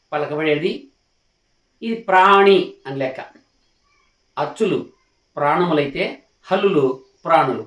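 A man with a fairly high voice teaches a classroom lesson patiently, repeating each point and checking that his listeners follow. He sounds as if he stands some way from the mic, and the room gives his voice a roomy echo. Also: a bit bright. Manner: patient, repetitive, asks questions to check understanding. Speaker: Telugu teacher. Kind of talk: classroom lesson on letter forms. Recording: echoey room, mic at a distance.

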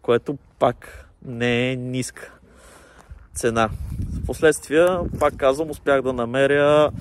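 A man's voice: medium pitch, fairly even intonation. Man talking through a face mask, casual gear review, plain explaining, faint background noise. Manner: plain, explanatory, with pauses and fillers.

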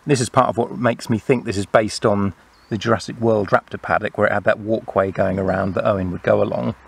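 Dude doing a chill toy review outside, kinda low voice, bit of fry. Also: male voice, brisk. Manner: relaxed, explanatory, fillers. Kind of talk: casual toy review narration.

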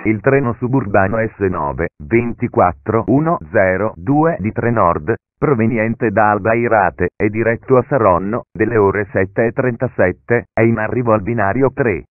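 Automated male train station announcement voice. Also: dry recording. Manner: measured, segmented phrases pieced together with uneven pitch jumps. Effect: announcement heard as a recorded station PA message. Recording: narrow, phone-like, dry PA audio.

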